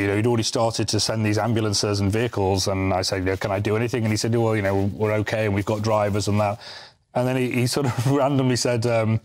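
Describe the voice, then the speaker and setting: A man's voice: on the low side, darkish tone. A man from Britain, a charity volunteer guest, telling a story in a chatty, anecdotal way. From United Kingdom. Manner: chatty, anecdotal, with restarts and asides. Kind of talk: casual interview storytelling.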